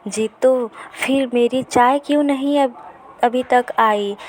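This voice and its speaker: A woman voicing a grumbling older mother-in-law who scolds and complains, in a slow, higher voice. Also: slight background noise. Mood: scolding.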